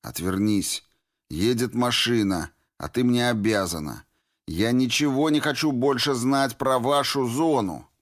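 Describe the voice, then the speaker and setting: A man playing a tired, grim deserter who speaks curtly and flatly. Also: medium pitch, measured pace, pitched above the performer's own voice, close to an everyday voice. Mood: weary. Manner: tired, flat and curt. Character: weary, grim male deserter from the zone.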